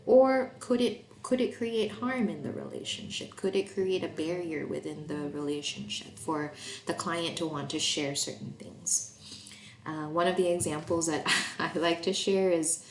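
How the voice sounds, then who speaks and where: A chatty woman from Malaysia leads a training talk, full of fillers and little laughs. Her voice sits a bit low for a woman. It carries a roomy echo over a faint hiss. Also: measured pace. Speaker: course presenter and therapist. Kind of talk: casual online training talk.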